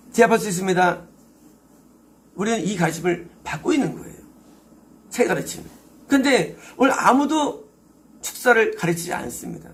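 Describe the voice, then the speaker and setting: A male pastor delivers an emphatic sermon, firing off rhetorical questions and answering them himself. His voice sits high, with a gravelly, fry-laden texture. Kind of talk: expository sermon.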